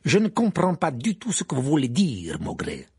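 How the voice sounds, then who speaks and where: A man's voice: animated, normal speed, gravelly, husky, exaggerated voice. A man voicing a haughty, irritable male headmaster in an audiobook, indignant and scornful. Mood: haughty indignation. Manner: shrill, indignant, sneering. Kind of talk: audiobook character voice.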